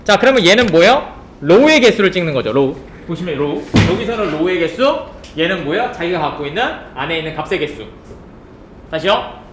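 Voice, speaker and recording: A man lectures on programming in a high, lively voice, firing off rhetorical questions and checking again and again that his students follow. The sound is roomy, with faint keyboard typing behind him. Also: a little hiss or hum. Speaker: programming instructor. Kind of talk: live coding lecture.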